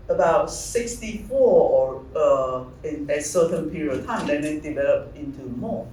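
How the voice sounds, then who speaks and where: A middle-aged man from Taiwan, a visual artist, giving a halting talk about his slides, often searching for words. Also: on the high side, a little mellow, distant mic. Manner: halting, searching for words, many fillers and restarts. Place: large gallery hall. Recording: echoey hall, speaker off-mic, faint room noise.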